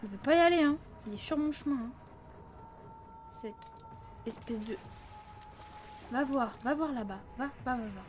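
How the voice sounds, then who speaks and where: A woman's voice: high voice, moderate pace, pauses often, a little mellow, slight background noise. A woman doing casual let's play commentary at a close desk microphone, chatting to viewers and letting out flustered yelps under stress. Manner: chatty, addresses viewers, frequent "hein".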